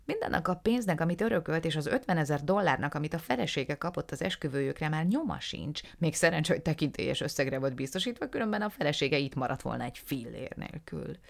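A woman's voice: deep voice, lively intonation, creaky, few pauses. A woman voicing a fussy, theatrical little male art dealer who talks in a flowery, gushing way. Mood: confiding.

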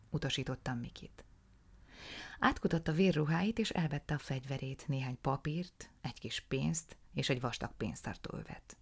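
Egy nő, aki egy kemény hangvételű krimit olvas fel hangoskönyvként, gyakran suttogóra halkítva. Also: female voice, rumbling low, creaky. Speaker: audiobook narrator. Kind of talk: scripted narration of a crime story.

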